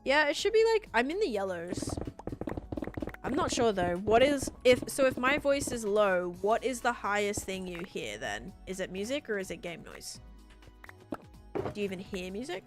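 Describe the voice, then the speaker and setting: During a gaming live stream, a woman chats casually with her viewers and thinks aloud informally while she plays. Her voice is medium in pitch and sing-song, moving at a moderate pace, with background music behind it.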